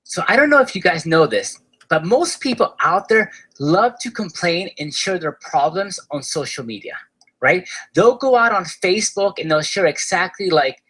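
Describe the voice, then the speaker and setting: Pitching his online course in a webinar, a man with an Argentine accent sounds upbeat and keeps ending sentences with "right?". His voice is husky and fairly bright, with lively intonation at a normal speed.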